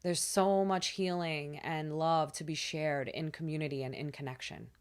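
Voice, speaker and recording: A woman hosting a spiritual astrology channel, talking in a soft, soothing way with casual fillers. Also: low-pitched, steady tone, moderate pace, smooth. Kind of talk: gentle spiritual talk to camera.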